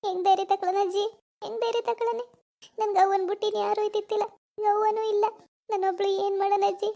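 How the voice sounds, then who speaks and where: A woman's voice: very high-pitched, level tone, fast talker, creaky, dark tone, pitched above the performer's own voice. A woman voicing a grief-stricken young village woman in a cartoon, sobbing and pleading. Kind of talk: cartoon voice acting.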